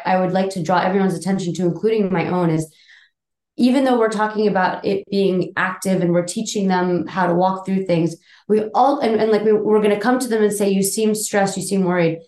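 A woman's voice: medium pitch, darkish tone. A woman co-hosting a parenting podcast, talking earnestly and explaining her points with apologetic asides. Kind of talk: casual conversational podcast chat. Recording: roomy, echoey podcast audio.

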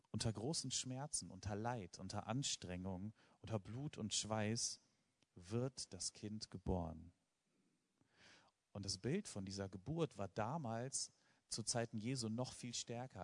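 A man preaching a sermon to a live congregation, earnest and emphatic, driving points home with rhetorical questions and repetition. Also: medium pitch.

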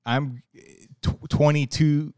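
Smooth-voiced man in his forties, musing. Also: on the high side, fairly even intonation, slow, a little mellow, no echo, studio quality. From Ohio. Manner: musing, hesitant, laughs easily. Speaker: podcast co-host. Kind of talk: casual chat.

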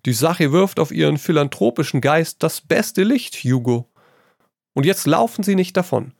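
A man putting on a high, amused painter. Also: normal speed, gravelly, no echo, studio quality. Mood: teasing. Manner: lively, amused, tossing in French phrases. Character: witty amused male painter, worldly and teasing. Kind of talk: storybook reading.

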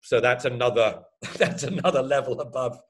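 A man in his fifties, an ultra runner chatting casually about his races, self-deprecating and quick to laugh. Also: medium pitch. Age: 50s. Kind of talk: casual chat.

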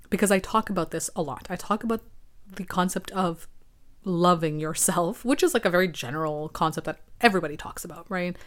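A young woman with a slightly low voice hosts her own podcast, her throat raspy from allergies. She thinks aloud in a casual, reflective way, often checking in with a quick "right?" and restarting her sentences. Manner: thoughtful, frequent "right?" and restarts. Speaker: podcast host.

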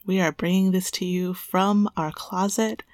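A woman's voice: fairly low pitch, fairly even intonation, a little slow, darkish tone, no echo. A woman co-hosting a podcast in casual banter, laughing and dropping into whispers, recorded on a close mic inside a small clothes closet. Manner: laughing, joking, drops into whispers. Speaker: podcast co-host. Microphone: close podcast microphone.

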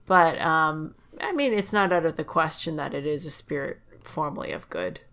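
Woman, very low voice, casual podcast chat, thinks out loud. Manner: thinks aloud with fillers, quick to laugh. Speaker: podcast co-host.

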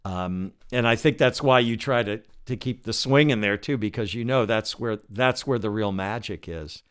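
A man's voice: on the low side, normal speed, a bit bright, clean tone. A man hosting an interview, talking thoughtfully in a casual way, often stammering over the start of a sentence. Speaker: host.

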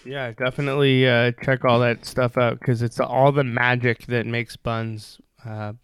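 Gravelly-voiced man hosting a podcast. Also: mid-range voice, unhurried. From Toronto, Canada. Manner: relaxed, rambling with fillers. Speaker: podcast host. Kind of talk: casual podcast chat.

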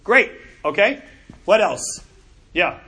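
A middle-aged man teaching a Bible class in an animated, conversational way, often repeating words as he goes. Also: sits high, slow. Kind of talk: classroom lecture.

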